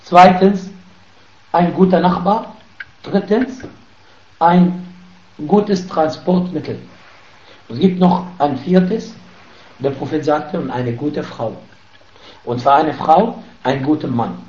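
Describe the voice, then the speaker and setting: A man's voice: a little high, takes it slowly, long pauses, a little mellow. A man giving a sermon lesson on hadith, speaking emphatically and rising sharply when he stresses a point. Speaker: preacher teaching hadith. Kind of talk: sermon lesson switching between Arabic reading and German explanation. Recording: echoey, dull room recording.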